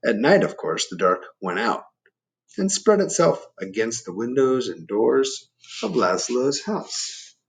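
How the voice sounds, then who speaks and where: A man reads a picture book aloud to children, explaining things and asking the listeners questions in chatty asides. His mid-range voice is creaky and very animated, and he reads at a slow pace.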